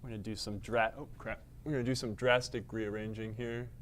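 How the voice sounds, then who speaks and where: A man's voice: fairly low pitch, fairly even intonation, brisk, fairly bright tone, slight background noise. A man hosting a casual live stream, rambling and joking at his own expense while he fiddles with the camera and lights in a studio space at his workplace. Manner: rambling, self-deprecating, talking to himself while adjusting the camera. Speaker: livestream host.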